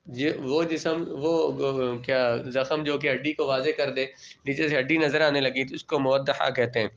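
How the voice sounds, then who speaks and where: A Pakistani religious studies teacher gives a classroom lecture in a mid-range, steady, fairly bright voice with some vocal fry. He reads Arabic terms aloud, explains each in plain everyday language, and often poses a question to the class before answering it himself. The lo-fi classroom recording sounds dull.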